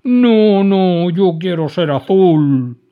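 A man's voice: high voice, lively intonation, very slow, voice pushed up, heavily acted. A man voicing a big, childlike male dragon who wails and whines through tears. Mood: sobbing. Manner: wailing, sobbing, whiny. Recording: dull lo-fi recording.

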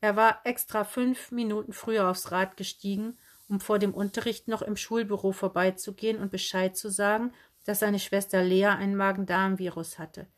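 A woman narrating a children's book in a lively, expressive way. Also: mid-range voice, moderate pace. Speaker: audiobook narrator.

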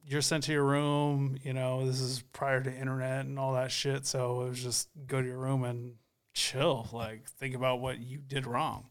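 A man's voice: medium pitch, little pitch movement, moderate pace. A man talking casually and hesitantly on a podcast, with lots of filler words. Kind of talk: casual chat.

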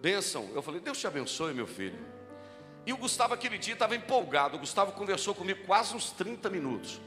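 A man preaching a sermon at a church event in Brazil, with a deep, strong voice, telling stories and repeating key lines as he builds to fervent exhortation. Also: very animated, fast, pushed and bright. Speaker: pastor. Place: large church hall. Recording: live church recording with long reverb and music.

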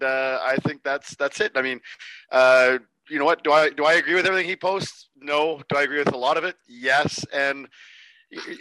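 Bright-voiced, measured man, dry close sound. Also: a little high, dry recording, low-quality recording. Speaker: panelist. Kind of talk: casual chat.

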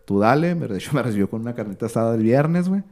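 Talking very fast in a mid-range voice, a thirtysomething sports commentator with a Mexican Spanish accent tells a story on a podcast as a guest. He keeps it casual, slangy, and lively, imitating what others said.

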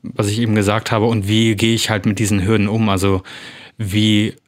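A man's voice: on the low side, level tone, moderate pace. A man who works as an actor, talking casually about preparing roles and rambling through many fillers and restarts. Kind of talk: casual chat.

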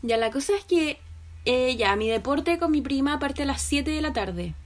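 A woman's voice: sits high, lively intonation, moderate pace. A young woman with a Chilean accent, chatting casually as a podcast co-host and telling stories over a remote call, full of slang fillers. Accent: Chilean Spanish. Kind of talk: casual chat between friends.

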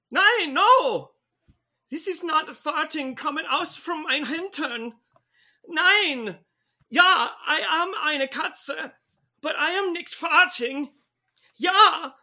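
Woman putting on a frantic cat, fake German accent, high, bright, shouty. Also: full character voice. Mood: flustered. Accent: put-on German. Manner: shouty, flustered, mixes German words.

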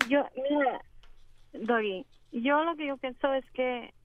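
A woman's voice: high voice, slow, no room sound. Middle-aged woman calling a radio show by phone. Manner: radio show caller, hesitant and pleading. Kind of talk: personal call-in conversation. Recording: narrow tinny phone line.

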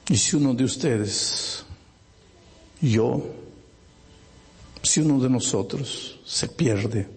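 A man preaching a sermon, with dramatic, emphatic storytelling and a husky voice. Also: mid-range voice, very slow.

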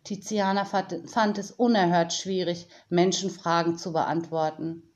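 Brief: woman storyteller, slow and calm, children's audiobook. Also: lowish voice, highs cut off. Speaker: narrator.

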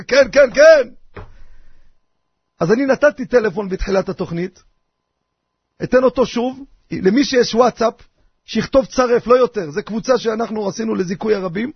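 An older man, a rabbi, giving a lively radio sermon full of rhetorical questions in a husky voice. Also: high-pitched, dry recording. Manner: animated, theatrical, rhetorical questions. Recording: dry, dull lo-fi radio recording.

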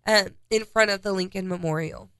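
A woman's voice: medium pitch, fairly quick, a bit bright, smooth, dry recording. A congested woman co-hosting a casual podcast, reading out a timeline of historical dates. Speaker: podcast co-host.

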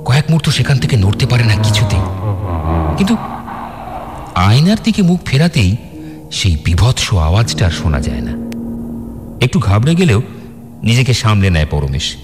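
A man narrating a ghost story in a dramatic, expressive way, acting out the dialogue. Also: moderate pace, pauses often. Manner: expressive, acts out dialogue with rising pitch. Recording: reverberant with loud background music.

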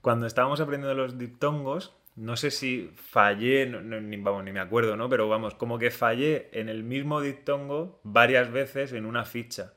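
A man in a casual conversation, relaxed, often putting in brief agreeing murmurs. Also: medium pitch, normal speed, few pauses.

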